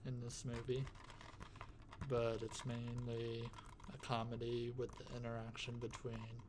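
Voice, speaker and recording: Slow, soft-spoken ASMR man with tapping. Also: mid-range voice, monotone. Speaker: ASMR video host. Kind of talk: soft-spoken ASMR, casual rambling movie talk. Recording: clicking, tapping noise behind voice. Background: finger tapping and clicking sounds.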